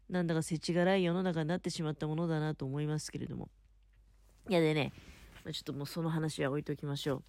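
This podcast host talks by herself from under the covers in bed at home, keeping it chatty, polite and explanatory. She has a low-pitched, creaky, slightly mellow voice, recorded dry at studio quality.

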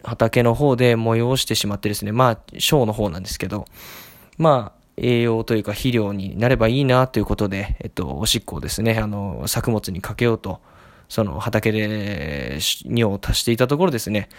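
A man's voice: lowish voice, fairly quick, dry recording. A young man rambling wryly through a solo casual monologue as a podcast host, recorded in his home kitchen. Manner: rambling, wry, self-deprecating chatter.

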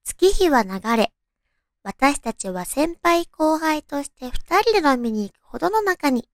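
A woman with a very high, cute anime-girl voice hosts a radio show. Her delivery is girlish and animated, with pitch that moves around a lot. The sound is dry and close, as she talks sweetly to listeners. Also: measured pace, no room sound. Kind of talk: soft-hearted radio talk and read-out listener love stories.

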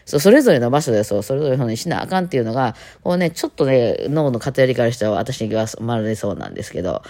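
A woman's voice: rumbling low, big pitch swings, racing, mellow. A woman with a Kansai accent, a violinist, chatting casually and rambling on her own talk show, with playful mimicry. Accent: Kansai Japanese. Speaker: violinist and podcast host.

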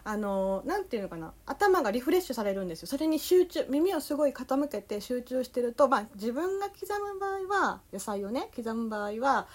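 Young Kansai-accented woman, solo podcast host, slightly high voice, loose and rambling delivery. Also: very animated, a little fast, few pauses. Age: young adult. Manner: easygoing, meandering, full of fillers. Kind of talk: casual solo talk.

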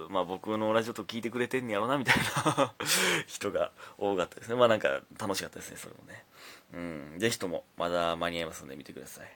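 Laid-back Kansai man, lively low voice. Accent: Kansai Japanese. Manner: laid-back, rambling storytelling. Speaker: comedian podcast host. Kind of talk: casual solo talk show.

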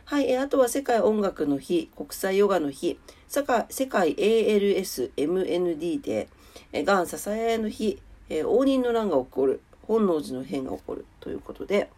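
A woman with a mid-range, dark-toned voice that sounds congested and nasal hosts a solo morning show in casual radio style. She talks fairly quickly and expressively, politely chatting through the weather and daily notes.

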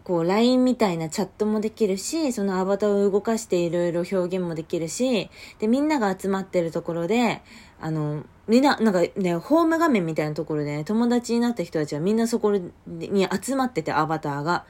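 A young woman hosting a casual solo podcast late at night, chatty and lively, often bursting into a louder voice. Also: medium pitch, a little fast. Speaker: podcast host. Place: home at night.

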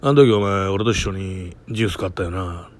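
A man voicing a stern older man, his boss's brother, in a slow, terse, grave film-star manner with a Kansai accent. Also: sits low, pitched below the performer's own voice, natural voice. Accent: Kansai Japanese.

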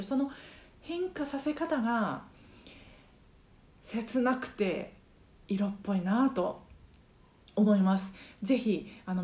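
A woman's voice: mid-range voice, warm tone. Chatty woman singing teacher, echoey room. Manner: chatty, many fillers, sings short phrases to demonstrate. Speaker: podcast host and singing trainer. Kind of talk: casual solo podcast talk. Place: apartment home.

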